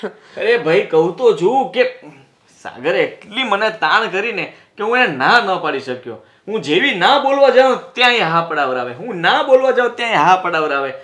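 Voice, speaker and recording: A man's voice: high voice, reverberant. An actor playing a husband who defends himself against his wife in a family drama, pleading and then losing his temper. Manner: pleading then shouting in anger. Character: defensive husband, quick to anger. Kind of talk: Gujarati short-film family drama acting.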